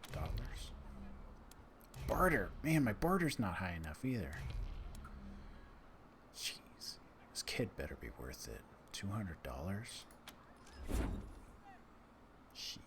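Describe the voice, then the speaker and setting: A man's voice: low-pitched, wildly swooping pitch, moderate pace, hardly any pauses. A man giving casual gameplay commentary, thinking aloud, muttering and reading game text out. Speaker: gamer commentating a playthrough. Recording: voice over noisy game audio. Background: game sound and ambience.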